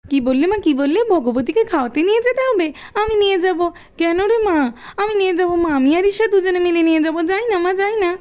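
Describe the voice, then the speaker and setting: A woman's voice: extremely high pitch, animated, quick pace, a little mellow. A woman voicing an eager, caring schoolgirl in a doll cartoon. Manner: eager, pleading.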